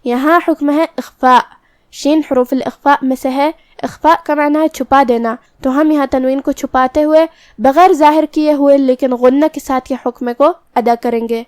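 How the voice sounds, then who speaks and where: A woman teaching Quran recitation rules in a tajweed lesson, explaining each letter step by step and chanting verses slowly. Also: high-pitched, steady tone, a little mellow, no room sound, studio quality.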